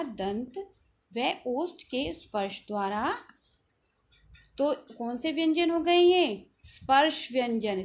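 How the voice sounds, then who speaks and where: A woman teacher with a high voice takes a lesson slowly and patiently. She poses questions to the class and answers them herself. A faint hiss sits under her voice. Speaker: school teacher. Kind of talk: Hindi grammar lesson.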